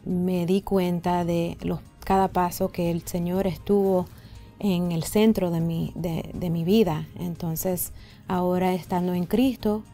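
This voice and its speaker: A woman with a relaxed, fairly low voice speaks as an interview guest. Her Spanish has the American accent of a native English speaker, and she pauses to search for words, slipping into English at times. Music plays softly behind her. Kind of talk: conversational interview answers. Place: indoor radio and TV studio set.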